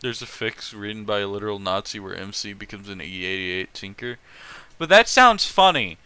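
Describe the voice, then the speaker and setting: With a fairly low pitch and a clean tone, a man reads fan fiction aloud at a moderate pace. As host, he breaks off regularly for animated, profane, opinionated commentary in a casual style.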